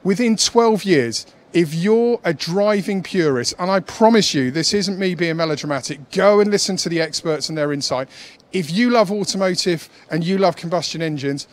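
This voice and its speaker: A man rounds off an event broadcast with urgent, emphatic energy, pressing viewers to go and watch. His voice sits a touch high, and he sounds short of breath. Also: normal speed. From United Kingdom. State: running out of breath. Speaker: event TV host. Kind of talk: energetic event wrap-up presenting.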